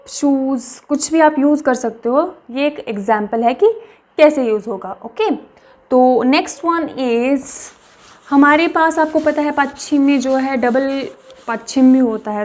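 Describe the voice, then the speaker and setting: Slow, high-voiced woman teacher. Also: fairly even intonation. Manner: slow, repeats words for practice. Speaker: language teacher. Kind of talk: whiteboard language lesson.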